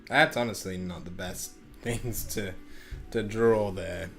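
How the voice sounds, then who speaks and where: A young man talks through a digital card game from his home desk mic, rambling and self-deprecating. His voice sits fairly low, and faint music plays softly underneath. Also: steady tone, slow, gravelly. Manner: chatty, self-deprecating, lots of ums and restarts. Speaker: gaming channel host. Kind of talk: casual gameplay commentary. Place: home room. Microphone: desk microphone.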